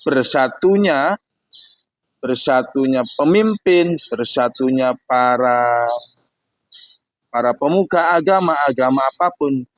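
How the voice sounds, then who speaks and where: A man teaching a religious book study, lively, acting out little dialogues and playing with Arabic loanwords. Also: medium pitch, dull audio, slight background noise. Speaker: Islamic teacher. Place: Islamic boarding school.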